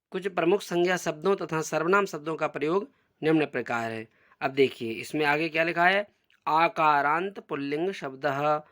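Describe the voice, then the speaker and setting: A man teaching a school lesson, reading example sentences slowly and then explaining them step by step. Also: a little high, fairly bright tone. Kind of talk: classroom lesson explaining a textbook.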